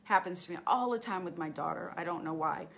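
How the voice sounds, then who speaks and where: A woman's voice: on the low side, fast, vocal fry, a bit bright, a little hiss or hum. A woman teaching a live class on intuition, talking in a conversational way and asking the group questions.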